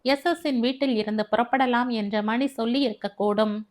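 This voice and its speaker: A woman narrating a family novel as an audiobook in a steady storytelling manner. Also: fairly high pitch, fairly quick.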